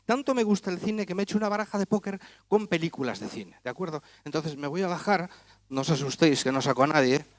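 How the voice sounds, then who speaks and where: A man's voice: a little high, dry recording. A man doing comic stage patter as a magician, teasing and chatting with volunteers in front of a gala audience. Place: auditorium stage.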